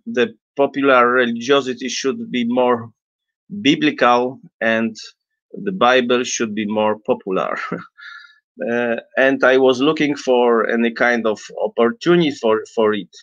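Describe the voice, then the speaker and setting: Slow, halting man, non-native English. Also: medium pitch, steady tone, a bit bright, dry recording. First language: not English. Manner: halting, hesitant, searching for words, frequent throat-clearing. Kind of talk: unscripted explanatory talk. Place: small indoor room with bookshelves. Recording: dull lo-fi webcam audio.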